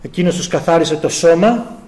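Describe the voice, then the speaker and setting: Man preaching with fervour, high-pitched voice, rising to cries and dropping low. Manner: impassioned, swings between loud exclamations and low intense tones; rhetorical questions to the congregation. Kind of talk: sermon.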